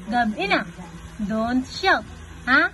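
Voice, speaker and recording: A woman, coaxing a baby in soft baby talk that mixes English with her own language. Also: a little high, expressive, slow, slight background noise, poor audio. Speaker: caregiver talking to a baby.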